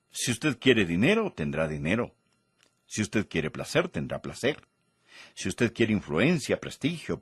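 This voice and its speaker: Preacher putting on a low smooth tempter guy, coaxing, husky, slow. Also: no echo, studio quality, exaggerated voice. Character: smooth-talking male tempter offering a deal.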